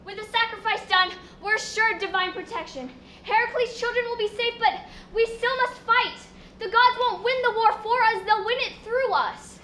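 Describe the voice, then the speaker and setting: A woman's voice: very high-pitched, normal speed, bright, forceful tone, distant mic. A student actress playing an urgent young woman messenger in a school stage play. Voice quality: urgent, insistent. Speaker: student actor. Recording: echoey hall, faint noise.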